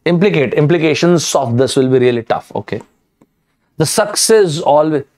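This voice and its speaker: A man's voice: fairly high pitch, expressive, normal speed, a little mellow. A young man with an Indian English accent, teaching a live online vocabulary lesson with energy, repeating words and asking viewers to type answers. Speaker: online exam tutor.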